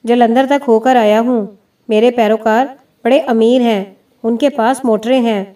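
A woman's voice: on the high side, fairly even intonation, dark tone, natural voice. A woman voicing a proud, boastful wandering male mystic, heard from a distant mic.

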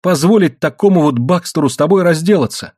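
A man's voice: a little high, brisk, a little mellow, husky, dry recording, clean studio sound, pitched above the performer's own voice. A man voicing a fiery, anxious young woman who pleads with and scolds her lover in an audiobook reading. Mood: pleading. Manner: pleading, exasperated.

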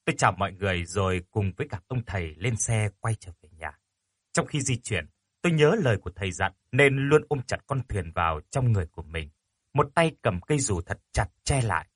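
Male storyteller, dramatic first-person ghost story, husky. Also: fairly low pitch, a little fast, no room sound, studio quality. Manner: expressive, dramatic.

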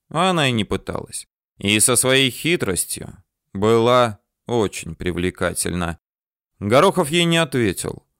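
Male narrator, lively pitch, smooth resonant voice, dry close studio sound. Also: no room sound. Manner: expressive, dramatic reading. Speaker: audiobook narrator. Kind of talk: audiobook narration.

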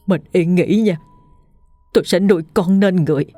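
A woman's voice: fairly low pitch, moderate pace, dark tone, no echo, faint music behind, natural voice. A woman doing a weeping soldier husband. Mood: grieving. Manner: tearful, grief-stricken. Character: weeping soldier husband mourning his wife.

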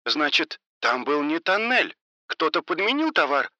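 A man's voice: fairly high pitch, very animated, measured pace, pushed and bright, no echo, voice pushed up, full character voice. A man voicing a frightened woman caught up in drug dealing, talking in a scared, pleading way.

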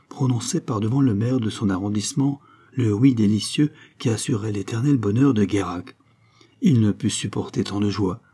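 A man narrating a novel as an audiobook, in a measured storytelling manner. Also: fairly low pitch, mellow, breathy edge. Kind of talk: scripted narration.

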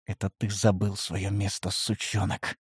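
A man voicing a menacing young male half-elf who hisses and growls threats in a low voice. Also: normal speed, breathy edge, dry recording, clean studio sound.

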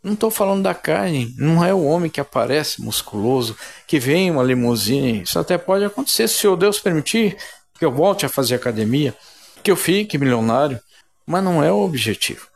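A man's voice: on the high side, expressive, fairly quick, vocal fry. A man preaching a sermon in a fervent, emphatic way, often addressing his listeners as brothers.

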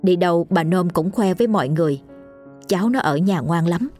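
Woman reading a spooky story, lowish voice, soft music behind. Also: animated, a little fast. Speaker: audiobook narrator. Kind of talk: scripted ghost story narration. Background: faint background music.

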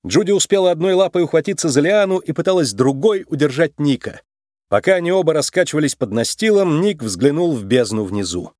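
A man narrating a children's storybook aloud with an expressive, animated reading. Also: medium pitch, no echo, clean studio sound.

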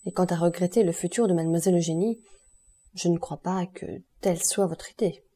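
A woman reading the part of a grieving male royal prosecutor, calm and formal, in an audiobook. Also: on the low side, a little fast, husky. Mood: grave calm.

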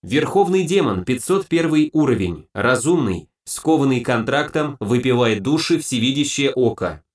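A man narrating a first-person fantasy audiobook in a brisk, lively storytelling manner. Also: medium pitch, dry recording, studio quality.

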